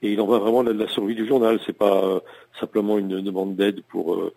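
A journalist and editorialist answering questions in a radio news interview, speaking haltingly with many hesitations and restarts. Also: male voice, fairly low pitch, flat delivery, gravelly, warm tone, rough recording.

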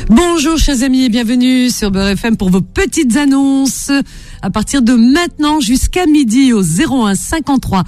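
Animated, teasing woman radio host. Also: fairly high pitch. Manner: playful, teasing, informal. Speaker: radio host of phone-in classified ads. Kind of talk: casual live radio chat.

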